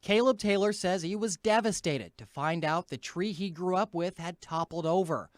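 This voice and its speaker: A young man reporting the news for local television, in a crisp, upbeat broadcast delivery. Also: sits high, moderate pace, no echo. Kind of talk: news reporting and live stand-ups.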